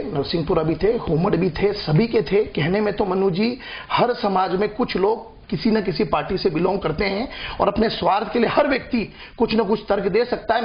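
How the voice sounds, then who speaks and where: A man argues as a party spokesman in a heated televised debate. His voice sits high and has a gravelly edge, and he keeps talking over his opponents. The audio sounds dull and lo-fi. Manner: combative, talks over opponents, repeats points.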